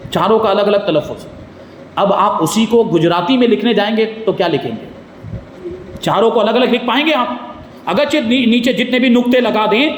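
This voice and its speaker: A man teaches a religious lecture, pausing to ask his listeners rhetorical questions. His voice sits high for a man. The sound carries the roomy, long echo of a mosque hall with faint ambience behind it. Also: slight background noise. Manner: explanatory, asks the audience rhetorical questions. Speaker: mufti teaching Quran commentary.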